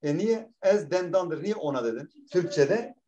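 A man's voice: high voice, lively intonation, moderate pace, dark tone, highs cut off. A man teaching a language class, reading a text aloud and translating it line by line, often repeating words and asking questions that he answers himself. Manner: explains patiently, repeats words, asks questions and answers them.

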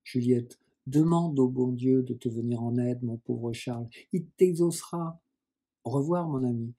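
A man reading the lines of a gentle, pious young blind woman in an audiobook, in a soft, serene, resigned way. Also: medium pitch, a little slow.

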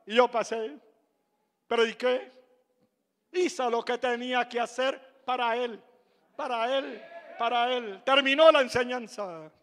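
Older Venezuelan pastor, unhurried and emphatic, preaching a testimony in a reverberant church. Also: male voice, very high voice, fairly even intonation. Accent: Venezuelan Spanish. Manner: dramatic, emphatic, bursts into shouts. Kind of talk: sermon testimony storytelling.

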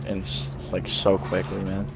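A man's voice: low voice, completely flat delivery, moderate pace, gravelly. Teasing young man over game chat. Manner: joking, teasing. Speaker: gaming friend. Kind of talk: casual gaming chat. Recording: loud noise and clicks.

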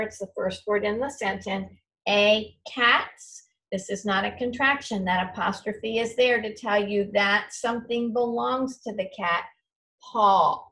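A woman teacher giving a recorded reading lesson to young children, slowly spelling out words letter by letter and encouraging correct answers. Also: mid-range voice, fairly bright tone, rough recording. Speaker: elementary school teacher.

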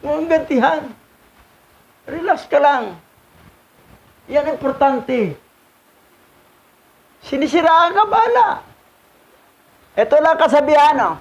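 A man's voice: extremely high pitch, lo-fi sound. A man teaching as a religious instructor, commenting on a reading in a casual, repetitive way, chuckling and mixing in English words.

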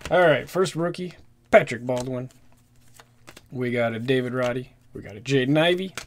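A man chatting casually while opening trading card packs, rattling off player names and getting excited at good pulls. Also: mid-range voice, normal speed, slight background noise. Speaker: card-collecting YouTuber. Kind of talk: casual pack-opening commentary. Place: indoors at a desk with a card display backdrop.

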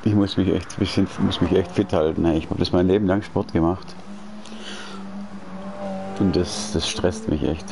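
Here, a very deep-voiced streamer in his late forties chats from home at normal speed, his voice creaky and broken by long pauses. He is relaxed and talkative, loose with slang and restarting sentences, as loud race-car sounds from his game run beneath.

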